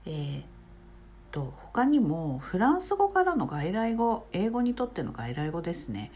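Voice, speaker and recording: A woman's voice: fairly low pitch, very animated, dark tone, slightly rough. Careful Japanese woman teaching English. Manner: slow and careful, with many filler pauses. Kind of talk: spoken language lesson.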